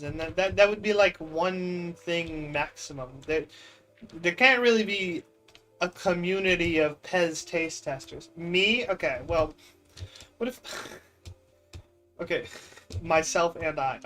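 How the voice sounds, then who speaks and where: A man's voice: fairly high pitch, a bit bright. A young man playing a block-building game and chatting casually, rambling and incredulous as he teases his chat. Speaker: gaming streamer. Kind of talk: casual gaming commentary.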